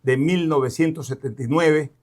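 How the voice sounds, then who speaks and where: A man's voice: fairly high pitch, moderate pace, darkish tone. A man from Ecuador hosting a radio interview, asking direct, pressing questions.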